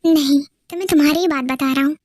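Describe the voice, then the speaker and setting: A woman's voice: high-pitched, fast, dry recording, studio quality, lightly acted. A woman voicing a possessive, impatient young man in love, in a pushy and demanding way.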